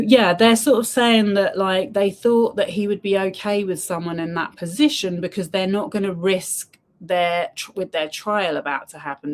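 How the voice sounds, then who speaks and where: A woman's voice: fairly low pitch, a little mellow. A woman streamer giving casual reaction commentary, chatty and full of ums as she retells events. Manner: chatty, many ums, retells with quoted lines.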